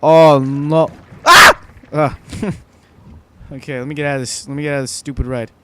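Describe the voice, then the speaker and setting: A man with a fairly high voice rambles through a jokey let's play commentary. He jumps from one goofy aside to the next in a casual, playful way. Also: steady tone, a little fast, background noise. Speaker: gaming video host.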